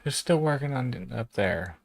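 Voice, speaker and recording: A man muttering and swearing at his software under his breath while he works at a computer. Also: mid-range voice, animated, moderate pace, gravelly. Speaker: streamer fixing computers. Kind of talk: casual muttering to himself while working at a computer.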